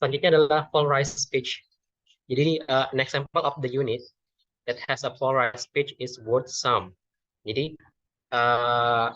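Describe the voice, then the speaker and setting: A man's voice: mid-range voice, a bit bright, no echo. Hesitant young man, dull dry audio. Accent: Indonesian. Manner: hesitant, many fillers and self-corrections. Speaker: student presenter. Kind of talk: class presentation.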